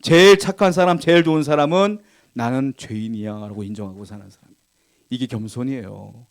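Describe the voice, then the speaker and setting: A man preaching as a pastor, asking the congregation questions, reading scripture aloud, and swinging between loud emphatic lines and quiet asides. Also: medium pitch. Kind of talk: sermon. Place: church.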